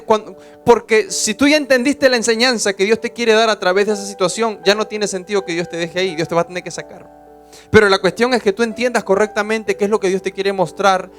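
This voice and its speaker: Un pastor que predica un sermón con pasión, alternando entre voz suave y fuerte. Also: male voice, sits high, steady tone, fairly quick, soft background music. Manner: passionate preaching, swings between soft and loud. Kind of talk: sermon.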